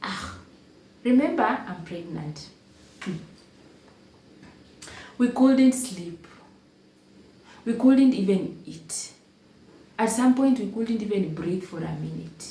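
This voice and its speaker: A woman's voice: medium pitch, expressive, takes it slowly, pauses often, warm tone, recorded from a distance. A young Kenyan woman telling her own life story to the camera, emotional and repeating phrases for emphasis. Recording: echoey room, voice a bit off-mic, faint background hum.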